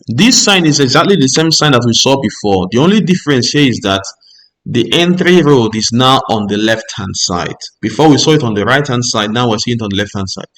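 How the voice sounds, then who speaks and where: A man talking through a driving theory lesson in a steady, patient way. His voice sits at an ordinary middle pitch. He reads out each rule, then explains it plainly and checks in with the listener. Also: a little fast.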